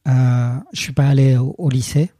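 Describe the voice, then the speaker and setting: Husky, deep-toned man. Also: fairly even intonation, mellow, no room sound, studio quality. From Colombia. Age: 30s. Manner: halting, many restarts and fillers. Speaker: guest. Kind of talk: personal storytelling interview.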